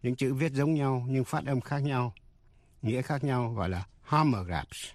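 A man presenting a radio English lesson, speaking slowly and carefully and giving English example sentences. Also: mid-range voice, dry recording. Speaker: English teacher.

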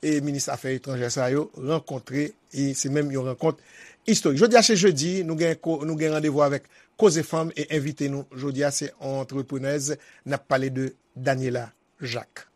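A man's voice: mid-range voice, fairly even intonation, normal speed, no room sound. A man presenting the news as anchor, in a conversational style with spoken fillers.

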